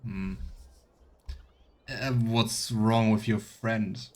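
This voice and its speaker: Speaking very slowly, this man has a fairly low, slightly mellow voice with fairly even intonation. He's a let's player streaming a fantasy game, voicing the dialogue aloud and adding offhand remarks.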